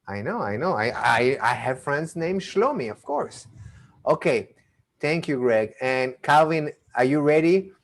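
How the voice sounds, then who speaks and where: A playful magician and mentalist with an accent from Argentina and Israel hosts a live online mentalism show over a video call. He chats with his volunteers in a chatty, stammering way, often restarting sentences. His voice is a little high and lively in intonation, and he speaks a little slowly.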